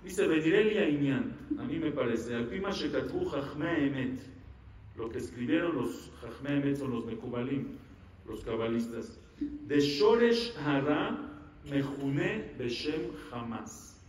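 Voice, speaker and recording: A rabbi giving an animated Torah lecture, asking the audience questions and answering them himself. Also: male voice, medium pitch, moderate pace. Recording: echoey room, mic at a distance.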